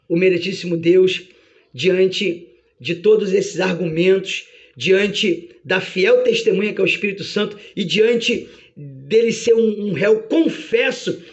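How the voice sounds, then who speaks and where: Fervent high-voiced male preacher. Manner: fervent, shouting, frequent hallelujahs. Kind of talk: sermon. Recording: dull lo-fi sound.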